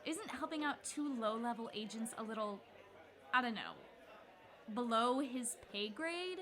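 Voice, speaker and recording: Woman playing a bright-voiced wary young agent. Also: on the high side, animated, a little slow, a faint crowd. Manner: questioning, skeptical. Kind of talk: audio drama acting.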